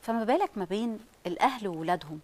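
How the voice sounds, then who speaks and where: A woman with an Egyptian Arabic accent speaking as a parenting specialist on a studio talk show, animated and acting out what parents say. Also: medium pitch, racing.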